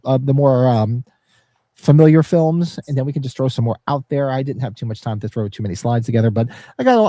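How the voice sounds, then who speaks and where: A man with a fairly high pitch and a dark tone hosts a livestream podcast full of informal banter and occasional swearing. His voice is nasal and sniffly, congested from allergies, with a slightly sore throat. No echo is heard.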